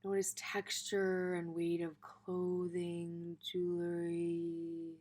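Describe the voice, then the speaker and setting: Speaking in a lowish, monotone voice, a woman teaches a gentle guided meditation. Her delivery is informal and hesitant, with pauses falling in the middle of her phrases.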